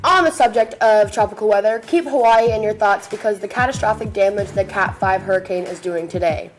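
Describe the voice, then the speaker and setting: A woman's voice: medium pitch, a little fast, soft background music. A teenage young woman co-hosting student news, reading school announcements in a chatty, playful manner. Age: teens. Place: small school video studio, seated at desk.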